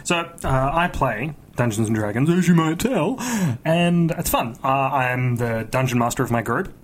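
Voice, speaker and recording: A man with a mid-pitched voice talks casually as a podcast co-host. He is enthusiastic about his hobby and tends to ramble as he tells stories, in a relaxed conversational style. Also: normal speed.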